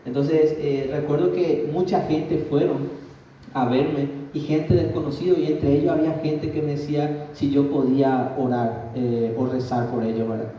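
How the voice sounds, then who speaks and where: Man, church testimony, fairly high voice, very echoey hall, distant dull lo-fi recording. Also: steady tone, moderate pace, warm tone, a little hiss or hum. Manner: earnest, addresses the congregation directly. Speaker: guest giving a testimony.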